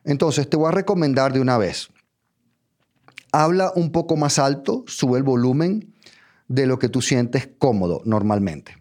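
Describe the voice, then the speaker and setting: A man giving a public speaking lesson, talking straight to the listener in numbered steps and checking in with a quick "ok?". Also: mid-range voice, lively intonation, darkish tone. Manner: direct, addresses listener as tú, numbered steps, frequent "¿ok?". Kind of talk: instructional talk.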